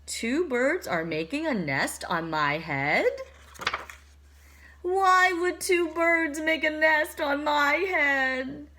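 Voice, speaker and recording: A woman's voice: sits high, big pitch swings, takes it slowly, sharp tone, a little hiss or hum, pitched above the performer's own voice, heavily acted. A woman voicing an anxious male elephant in a storybook, with fretful, exclaiming questions. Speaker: storybook character.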